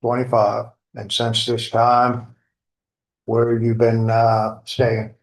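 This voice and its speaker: Man, lawyer, courtroom questioning, mid pitch, informal folksy halting phrasing. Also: monotone, poor audio. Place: indoor courtroom.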